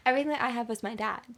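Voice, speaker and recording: A woman's voice: a little high, fairly bright tone. A young woman, a musician guest on a podcast, talking casually and hesitantly with lots of fillers and laughs. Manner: hesitant, many likes, giggly. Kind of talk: casual chat.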